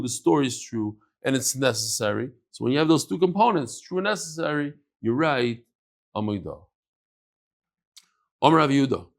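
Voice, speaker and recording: Lively man teaching a Talmud class. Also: fairly high pitch. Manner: animated, acts out the speakers in the text; mixes English with Aramaic and Hebrew terms.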